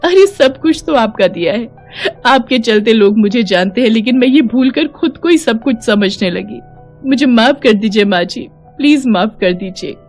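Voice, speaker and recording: A woman's voice: on the high side, normal speed, a little mellow, soft background music, natural voice. A woman playing a proud young daughter-in-law. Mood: remorseful. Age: young adult.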